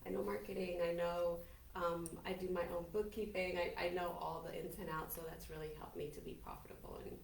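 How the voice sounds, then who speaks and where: A woman's voice: fairly low pitch, steady tone, brisk, creaky, recorded from a distance. A woman in her forties, a native Spanish speaker from Colombia, telling her life story as a podcast guest in a chatty, upbeat, self-assured way. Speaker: podcast guest, business owner. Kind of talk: casual interview talk. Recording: roomy, from off-mic, faint hiss.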